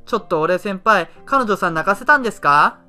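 A man's voice: high-pitched, lively intonation, a little fast, bright, forceful tone, soft background music, exaggerated voice. A man voicing a brash young male drinking buddy who scolds in casual junior slang. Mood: scolding.

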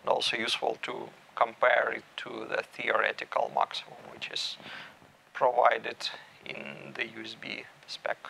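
A man in his thirties giving a technical talk at a meetup, measured and thinking aloud with small restarts. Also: mid-range voice, completely flat delivery, gravelly, pushed and bright, slight background noise, rough recording. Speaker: meetup speaker. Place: small room with stage curtains.

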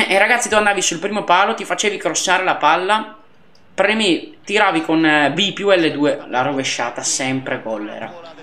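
A man giving excitable, chatty commentary over his football video game, talking straight to his viewers. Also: on the high side, moderate pace, roomy sound. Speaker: gaming youtuber. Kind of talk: casual gameplay commentary.

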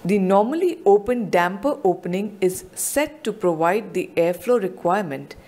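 A woman delivers a clean studio voice-over of a scripted technical narration, measured and explanatory. Her voice is middle-pitched and darkish in tone, with lively intonation.

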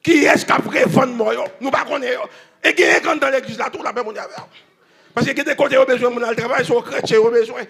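A man preaching a sermon at a church convention, swinging between shouting and hushed storytelling. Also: very high-pitched, fairly quick, vocal fry, breathy edge.

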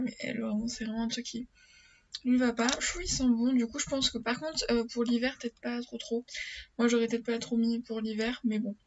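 A teenage beauty vlogger, stuffy from a cold, chats casually in her small attic bedroom for a daily unboxing vlog, full of fillers and restarts. Her voice is a little high with a darkish tone. Recorded on a built-in webcam mic, the sound is dull lo-fi with faint noise.

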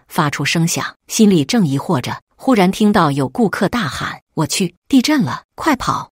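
Woman storyteller, husky lowish voice, lively melodic reading, dry close sound, first-person romance narration. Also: no room sound.

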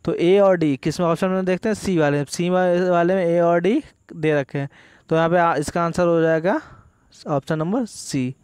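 Higher-pitched man teaching biology. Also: a little mellow, clear, resonant tone, dry recording. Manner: explains step by step, asks and answers his own questions; reads the English questions aloud slowly. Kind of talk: MCQ exam-prep lesson.

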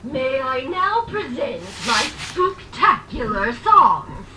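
Cackling, teasing female pumpkin toy, high and slow, theatrical. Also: big pitch swings, background noise, heavily acted.

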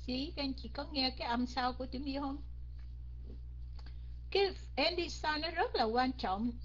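A woman's voice: high voice, normal speed, lo-fi sound, a little hiss or hum. A woman teaching English pronunciation in an online class, mixing in English words and repeating each word again and again as a drill. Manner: drills words by repeating them many times; mixes English words into her speech.

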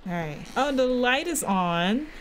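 A young woman with a fairly high voice streams a horror game in a casual way. She sounds scared and covers it with nervous sarcasm, slang and repeated words. There is noticeable noise with keyboard clicks behind her voice. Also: lively intonation, a little slow. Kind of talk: casual gameplay commentary. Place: small indoor room at a desk.

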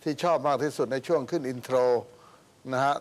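Measured man judging a music contest. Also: on the high side, steady tone. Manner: measured, polite. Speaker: talent show judge. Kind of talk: judge's critique on TV. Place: TV studio with audience.

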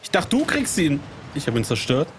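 A young man co-hosting a gaming video, chatting casually while he plays and laughing at his own mistakes in excitable, self-mocking banter. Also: a little high, fairly quick. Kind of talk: casual gameplay chat. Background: game music.

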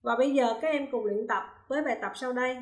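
A female English teacher gives a recorded classroom lesson on grammar exercises, reading example sentences slowly and carefully before explaining each answer step by step. Her voice sits high, and the room is roomy and echoey.

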